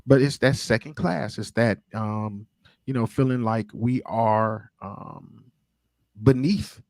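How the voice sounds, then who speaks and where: A man's voice: mid-range voice, takes it slowly, dry recording. A man co-hosting a podcast in casual chat, agreeing often and adding his own points. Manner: agreeing listener, steady backchannel. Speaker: podcast co-host.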